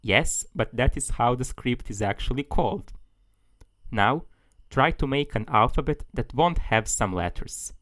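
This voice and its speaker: A man's voice: medium pitch, expressive, measured pace, fairly bright tone, no echo. A man giving a tutorial as a language tutor, explaining things steadily, step by step.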